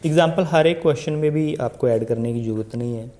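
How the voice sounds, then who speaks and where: Dark-voiced chatty male IELTS coach. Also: medium pitch, brisk. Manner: chatty, addresses viewers directly with rhetorical questions. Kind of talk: casual Hindi tutorial monologue.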